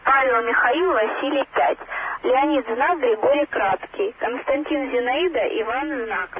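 A woman radio operator spelling out a coded message in slow, measured dictation over a walkie-talkie channel. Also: high-pitched. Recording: tinny radio transmission with loud static.

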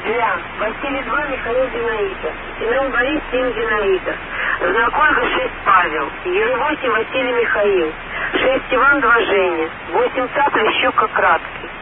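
A man spells out a coded message over a radio, running through it again and again. The line is thin and phone-like, with a clear hiss under it. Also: extremely high pitch, animated, a little slow. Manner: repetitive call-sign spelling with phonetic names.

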